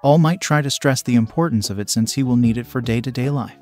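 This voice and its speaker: A man narrating a fan fiction story in an even, steady storytelling voice. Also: mid-range voice, fast talker, faint music behind.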